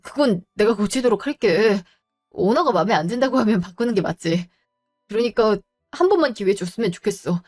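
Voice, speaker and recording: A woman's voice: medium pitch, expressive, brisk, darkish tone, soft background music, close to an everyday voice. A woman voicing an unfaithful grown man who whines and begs his partner for another chance, in a storybook drama. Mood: pleading. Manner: whiny, begging.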